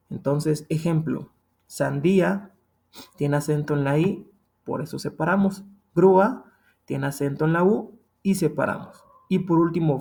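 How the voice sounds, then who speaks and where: A man's voice: fairly high pitch, creaky, darkish tone. Patient Mexican man teaching a grammar lesson. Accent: Mexican Spanish. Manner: patient, repetitive, checks in with "ok?".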